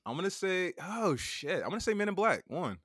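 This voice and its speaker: A man's voice: high-pitched, sing-song, brisk, a bit bright, no room sound, clean studio sound. A man, a guest on a casual comedic podcast, goofing around with whoops and laughter.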